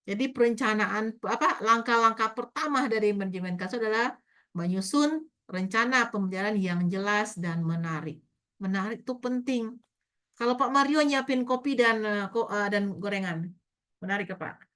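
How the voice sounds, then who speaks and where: A middle-aged woman giving a classroom lecture to university students, talking to them directly and acting out little dialogues with children. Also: normal speed. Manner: lively, acts out child and teacher dialogue in a higher voice.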